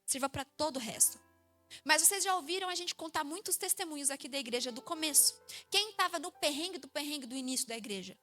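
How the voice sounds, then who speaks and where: A woman in her thirties with a Brazilian Portuguese accent, a pastor preaching a sermon in a church, telling stories with lively acted-out voices. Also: high-pitched, fast, soft background music. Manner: lively storytelling, acts out quoted voices.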